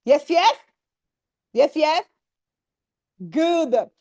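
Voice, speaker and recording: A woman leading a live online workshop, energetic and sprinkling English words into her talk. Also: high voice, extremely slow, lo-fi sound.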